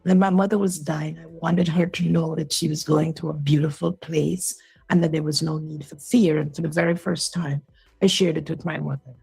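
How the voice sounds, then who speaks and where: A woman's voice: low voice, steady tone, normal speed, gravelly, darkish tone, husky, no room sound, soft background music, low-quality recording. A woman in her sixties from Guyana, telling her story as an interview guest and minister, earnest and explanatory. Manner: earnest, explanatory, checks in with the listener.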